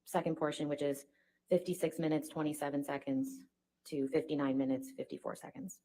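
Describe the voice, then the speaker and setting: Dark-voiced female attorney, measured. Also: sits low, steady tone, a little hiss or hum, poor audio. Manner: measured, reads out timestamps. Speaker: trial attorney. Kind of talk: formal courtroom procedure.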